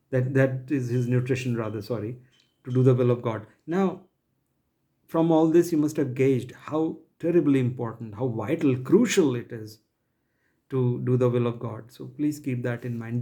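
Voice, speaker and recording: A male preacher delivering a sermon in a mellow, warm voice. He talks earnestly and with feeling, breaking his thoughts into short phrases, pausing and restarting as he goes. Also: mid-range voice. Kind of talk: online sermon.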